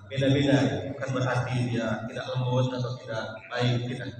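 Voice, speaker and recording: Give me a man giving a lively mosque sermon, heard from a distance in a long-echoing hall. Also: medium pitch. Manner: lively storytelling, mimics voices, chants Arabic phrases. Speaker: preacher. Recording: echoey hall from far off.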